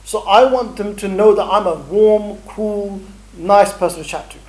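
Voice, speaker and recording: A middle-aged man leading a training workshop, animated and bantering, acting out street encounters as he talks. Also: high voice, normal speed, poor audio. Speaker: dawah trainer. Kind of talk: energetic workshop talk.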